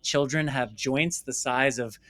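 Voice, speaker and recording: An American documentary filmmaker, appearing as an interview guest, tells reflective personal stories earnestly and emphatically, repeating words for stress. His medium-pitched voice is unhurried and a bit bright. The recording is dry.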